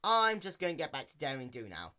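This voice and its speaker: Man acting out female pegasus pony, nonchalant, inattentive, offhand, bright tone, storybook character. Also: fairly high pitch, wildly swooping pitch, brisk, pitched above the performer's own voice, heavily acted. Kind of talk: dramatic reading of fan fiction.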